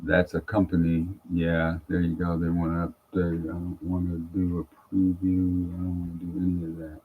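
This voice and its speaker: A man streaming live as a trader, chatting offhand and thinking aloud while he tries out new software. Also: deep voice, completely flat delivery, normal speed, slight background noise. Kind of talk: casual live commentary. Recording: tinny phone-like sound.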